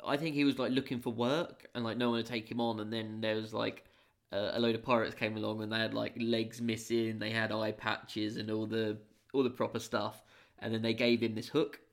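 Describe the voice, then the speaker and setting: A man's voice: fairly low pitch, flat delivery, fairly quick. A man, co-hosting a podcast and casually brainstorming a fantasy story, rambling with lots of fillers. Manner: rambling, many fillers and restarts. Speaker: podcast co-host. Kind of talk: casual worldbuilding chat.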